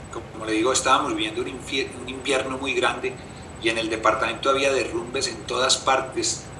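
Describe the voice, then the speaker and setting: A man's voice: mid-range voice, roomy sound, far from the mic, background noise. A man recalling past events with hesitant fillers. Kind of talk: recollection.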